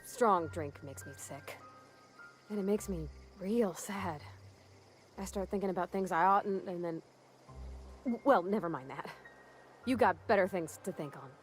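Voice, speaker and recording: A woman's voice: lowish voice, unhurried, pauses often, faint music behind, lightly acted. Woman playing a shy apologetic young woman. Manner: soft, hesitant, apologetic. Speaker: game companion. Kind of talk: video game voice acting.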